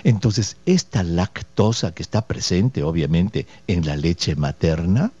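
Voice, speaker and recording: On a radio health call-in show, a man acting as a doctor patiently explains listeners' questions, using rhetorical questions and folksy diminutives. His low, husky, dark-toned voice is animated but a little slow, and the studio audio is dull, dry and lo-fi.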